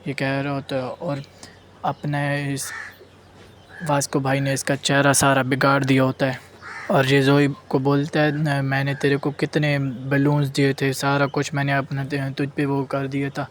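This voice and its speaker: A man's voice: mid-range voice, monotone, a little hiss or hum. A man casually retelling a story in a slangy, rambling way, reading the characters' lines without putting on voices. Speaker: anime recap narrator.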